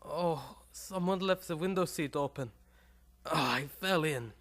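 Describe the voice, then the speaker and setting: An actor playing a nervous, clownish crooked doctor and eager sidekick, excitable and simply phrased, in radio comedy style. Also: male voice, on the high side, measured pace. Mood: flustered. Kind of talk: old-time radio comedy acting.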